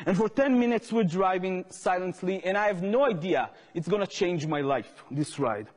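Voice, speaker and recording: A man's voice: high voice, lively intonation, normal speed, darkish tone, in a large hall. A man with an Israeli accent giving a public lecture as an activist, telling a story earnestly and growing impassioned.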